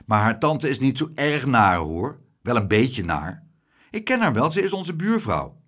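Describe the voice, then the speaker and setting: A man voicing an earnest, steady young boy in an audiobook, raising his voice to sound like a child. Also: mid-range voice, unhurried. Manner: earnest, matter-of-fact.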